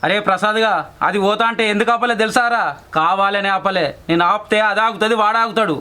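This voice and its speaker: A man with a Telangana accent speaks firmly and calmingly, very fast and bright. His voice sits high for a man. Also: clear, resonant tone. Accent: Telangana Telugu. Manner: firm, calming. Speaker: village elder mediating. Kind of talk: short film acting.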